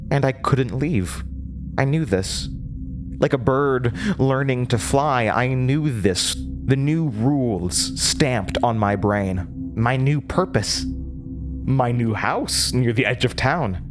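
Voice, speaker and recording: Over prominent music, a man voices a disturbed, haunted storyteller recounting a horrifying childhood in a horror audio drama. His medium-pitched, expressive delivery is halting and theatrical, wistful and unsettled, broken by nervous laughter and drops into whispers.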